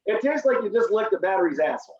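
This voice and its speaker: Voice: mid-range voice, expressive, rapid-fire, dull audio, a loud crowd. A co-host in a casual food-tasting chat who jokes crudely and swears freely.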